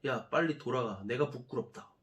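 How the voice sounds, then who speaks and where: A preacher voicing gruff older brothers who scold their little brother dismissively. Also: male voice, mid-range voice, normal speed, a bit bright, pitched below the performer's own voice, close to an everyday voice.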